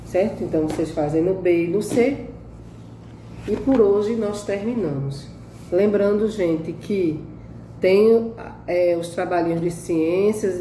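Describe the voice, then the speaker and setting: A woman's voice: on the low side, mellow, slight background noise. A woman teacher, fondly reminding her pupils of their tasks as she wraps up class. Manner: affectionate, reminding. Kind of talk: class wrap-up addressed to pupils. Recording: echoey, distant room recording.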